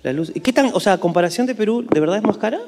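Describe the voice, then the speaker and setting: Lively high-voiced man telling a story. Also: quick pace, faint music behind. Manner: lively storytelling with laughs and mock accents. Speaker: comedian co-host. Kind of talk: comedy podcast banter.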